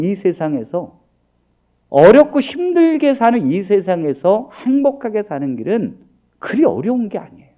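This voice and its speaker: A man's voice: high voice, highs cut off. A male pastor delivering a sermon, asking the congregation questions and answering them himself. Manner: animated, preaching with rhetorical questions to the congregation.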